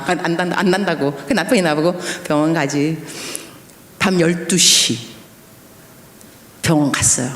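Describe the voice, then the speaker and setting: A woman pastor in her fifties preaching a lively storytelling sermon at a church evening service, acting out dialogue with laughs. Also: low voice. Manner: animated, acts out quoted dialogue with laughs. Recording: echoey church hall with long reverb.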